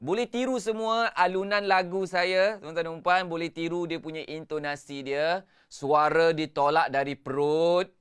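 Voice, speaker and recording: A man's voice: on the high side, level tone, a little slow, fairly bright tone, clean tone. A Malaysian man teaching Quran recitation live, coaching with repeated instructions, counting in, and chanting the verses melodically. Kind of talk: live-streamed tajwid lesson.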